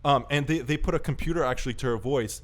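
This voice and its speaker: A man co-hosting a casual podcast, talking excitedly and laughing often, with frequent restarts and repeated words. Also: medium pitch, fast. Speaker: podcast co-host. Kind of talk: casual chat.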